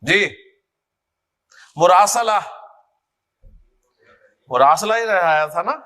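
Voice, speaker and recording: A man teaches grammar at an unhurried pace, drilling words one by one and calling on students. His voice sits high and sounds bright and clear. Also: lively intonation. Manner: drills words slowly, repeating and quizzing students. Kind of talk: classroom lesson.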